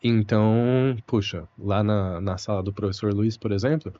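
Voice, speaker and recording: The recording is muffled, carrying a man's dark, fairly low voice with fairly even intonation. He's a young Brazilian Portuguese teacher being interviewed in a relaxed conversation, unhurried and thoughtful, frequently saying "né" and "puxa."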